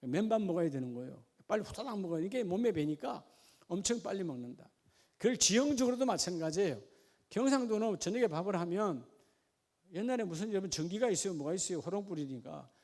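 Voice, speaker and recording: A man preaching a sermon, asking the congregation questions in a folksy way and at times dropping to a quiet, chatty aside. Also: sits high, animated, fast. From Gyeongsang region of Korea. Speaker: pastor.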